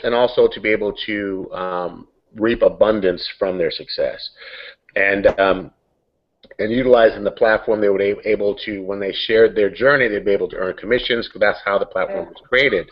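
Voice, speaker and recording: Low-voiced man rambling on a dull webcam call. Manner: rambling, searches for words with many restarts. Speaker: host of a coaching call. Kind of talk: casual online coaching hangout. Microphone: computer mic on a video call.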